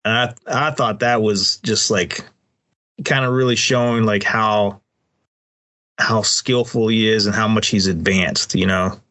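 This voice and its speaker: A man's voice: on the low side, unhurried. Easygoing male podcast co-host. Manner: relaxed, agreeable, many fillers and restarts. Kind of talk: casual chat.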